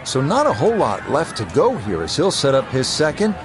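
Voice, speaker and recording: A man giving measured, understated play-by-play as a golf commentator. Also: medium pitch, wildly swooping pitch, crowd noise, background noise.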